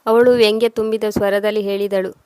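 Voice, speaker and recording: A woman narrating an emotional family story in a steady scripted reading, close to the mic. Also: medium pitch, moderate pace, dry recording.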